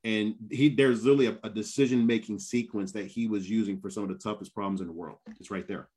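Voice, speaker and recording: A man in his fifties chatting casually and telling stories in an animated way, with emphatic repetition. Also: on the low side, quick pace, husky. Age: 50s. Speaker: guest, former Marine. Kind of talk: casual conversational storytelling.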